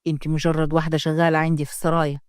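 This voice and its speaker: A woman's voice: deep voice, level tone, very fast, darkish tone, smooth, no room sound, studio quality, lightly acted. A woman voicing a stern, proud young village mayor in an Upper Egyptian accent, speaking curtly in a story reading. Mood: cold. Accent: Upper Egyptian Arabic. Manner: curt and scolding. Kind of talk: storytelling read-aloud.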